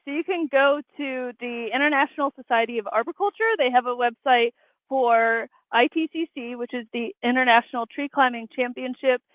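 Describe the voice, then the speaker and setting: A woman's voice: fairly high pitch, no echo. Woman arborist on a tinny line. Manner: explanatory, matter-of-fact. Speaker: arborist guest. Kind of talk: interview answers. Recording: tinny dry phone-like line.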